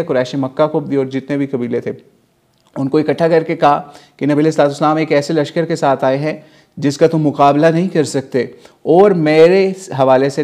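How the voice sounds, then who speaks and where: Mellow-voiced man teaching an Islamic history class. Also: a little high. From Pakistan. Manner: storytelling, asks and answers his own questions; mixes in English words. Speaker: religious teacher.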